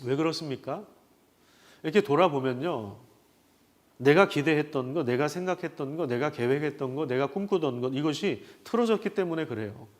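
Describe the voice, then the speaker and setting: Male pastor, sermon delivery, somewhat high pitch, rhetorical questions, hesitant fillers. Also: expressive, moderate pace.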